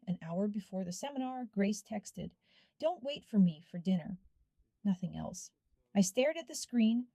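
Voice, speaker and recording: A woman narrating a first-person story in a measured, hushed storytelling manner. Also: medium pitch, dry recording.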